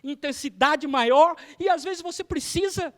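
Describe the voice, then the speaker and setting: A man, a theology professor lecturing on preaching, shifting his pace and loudness for emphasis. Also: extremely high pitch, measured pace. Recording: hall reverb.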